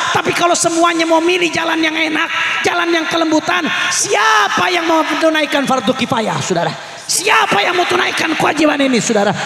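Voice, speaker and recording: A man with an Indonesian accent giving a fiery sermon at an outdoor religious gathering, shouting and repeating calls to the crowd. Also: very high voice, vocal fry. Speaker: preacher. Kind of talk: fiery open-air sermon. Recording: echoey live sound system, long reverb.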